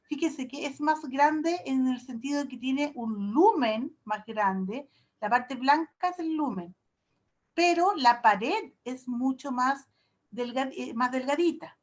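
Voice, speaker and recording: Lady prof teaching online, pretty high voice, chatty and homey with it. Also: animated, takes it slowly. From Chile. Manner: chatty, explains with homely comparisons and diminutives. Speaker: university professor. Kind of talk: online workshop lecture.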